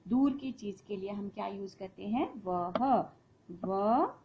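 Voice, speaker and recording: A woman's voice: medium pitch, animated, slow, dull audio, slight background noise. A woman teacher giving a patient lesson to young children, spelling words out sound by sound.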